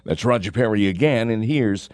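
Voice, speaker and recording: Low-voiced male radio news anchor. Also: normal speed, darkish tone, no room sound. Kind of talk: scripted news reading.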